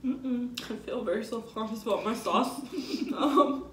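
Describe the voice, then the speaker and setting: A young woman vlogger with a fairly high, slightly bright voice and a somewhat slow pace jokes and laughs through an eating challenge, sometimes talking with her mouth full. The audio is echoey, with a distant mic and faint noise.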